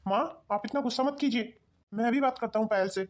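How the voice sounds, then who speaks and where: A woman's voice: on the high side, fast talker, lightly acted. A woman voicing a stern young husband who sides with his mother in a cartoon. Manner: harsh, commanding. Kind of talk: cartoon voice acting.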